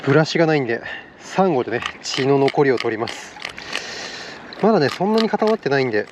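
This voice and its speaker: A man's voice: medium pitch, quick pace, background noise. A man with a slight Kansai accent, talking casually and cheerfully to the camera as a fishing vlogger outdoors, laughing often. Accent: slight Kansai dialect. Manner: upbeat, excitable, laughs often. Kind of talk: casual outdoor vlog narration. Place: outdoors on an island shore.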